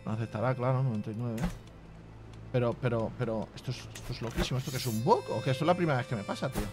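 A man's voice: medium pitch, rapid-fire, music in the background. A man giving casual, profanity-laced commentary while playing a strategy game. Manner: chatty, swears freely, reads game text aloud. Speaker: gaming youtuber. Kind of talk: casual let's play commentary.

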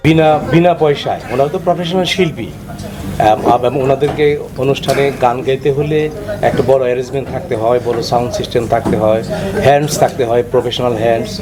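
A man's voice: mid-range voice, fast, loud music behind the voice, rough recording. A Bangladeshi man giving a spoken interview comment as a community member. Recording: crowd noise behind.

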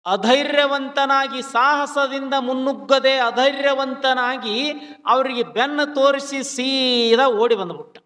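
A man tells a devotional sermon story in a declamatory way, piling up epithets. His voice is very high for a man, bright and sharp, and drawn out slowly. A long hall reverb trails behind every phrase. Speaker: religious storyteller.

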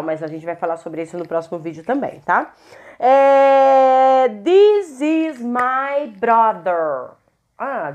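A woman with a Brazilian Portuguese accent teaches English in a somewhat high voice. She speaks at an unhurried pace, drawing out each English example and repeating it. She keeps checking in with a friendly "ok?". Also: darkish tone. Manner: ends phrases with a checking "ok?". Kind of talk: online English lesson.

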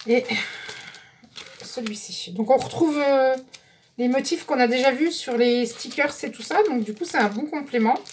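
Casting note: chatty woman vlogger, slightly high voice, faint background hiss, self-correcting as she shows off items. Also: moderate pace. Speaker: scrapbooking vlogger. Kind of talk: casual product haul.

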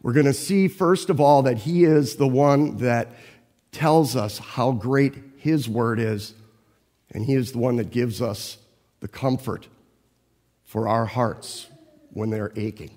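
Pastor preaching in an echoing hall. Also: male voice, medium pitch, takes it slowly, a little mellow. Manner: conversational storytelling, asking listeners questions. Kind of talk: sermon.

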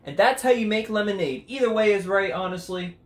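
A young man hosting a comedic home cooking vlog, goofy and jokey, sometimes breaking into loud mock commands, filmed in his kitchen on a camera mic. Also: high-pitched, animated, a little fast, roomy sound, slight background noise. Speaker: cooking video host.

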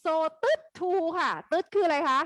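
A woman teaching an English grammar lesson live online, quizzing her students in a lively way. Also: very high-pitched, moderate pace, no room sound.

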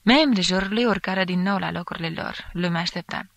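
Bright, dry-voiced audiobook narrator. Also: mid-range voice, gravelly, no echo. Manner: acts out quoted shouts with a raised voice. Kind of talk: literary audiobook reading.

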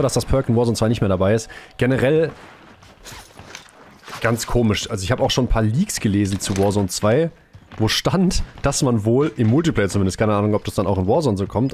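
A young man streaming a shooter game live, chatting casually with viewers in a slangy, excitable way, with gunfire from the game behind him. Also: lowish voice, slight background noise.

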